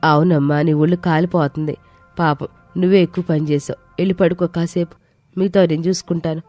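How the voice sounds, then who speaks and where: A woman's voice: lowish voice, steady tone, a little fast, mellow, no echo, faint music behind, natural voice. Woman voicing a stern older mother-in-law. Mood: tender. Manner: bossy, scolding.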